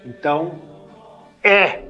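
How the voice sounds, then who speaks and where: A man's voice: on the high side, drawn-out words, sharp tone, soft background music. A man from Brazil with a Brazilian Portuguese accent, giving a spoken language lesson. He spells out letters and sounds one by one and often adds tag questions. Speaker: language teacher.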